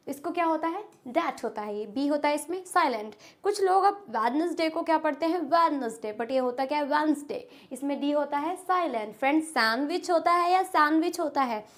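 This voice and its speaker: A young woman, an English trainer teaching pronunciation. She asks questions and answers them herself, repeating each word. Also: high voice. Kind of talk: spoken English lesson.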